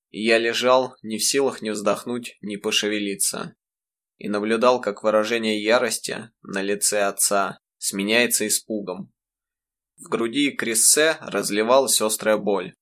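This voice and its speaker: A man narrating a first-person audiobook in a measured, reflective way. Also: on the low side, fairly bright tone.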